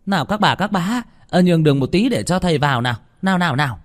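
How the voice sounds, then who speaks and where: A man voicing a middle-aged village woman vendor, shrill and quick to panic. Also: very animated, warm tone. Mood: bustling. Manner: shrill, yelping in fright.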